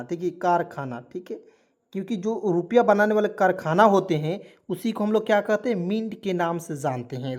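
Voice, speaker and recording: A man's voice: sits high, a little mellow. A man teaching English spelling in an online lesson, asking his listeners rhetorical questions and checking that they follow.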